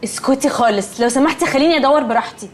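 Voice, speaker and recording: Actress doing a snooty Egyptian girl, high voice, quick curt retorts. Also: slight background noise, lightly acted. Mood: haughty. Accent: Egyptian Arabic. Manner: curt, haughty, drops English words. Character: snooty, snappish young woman packing clothes. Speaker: sitcom character. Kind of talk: TV comedy acting.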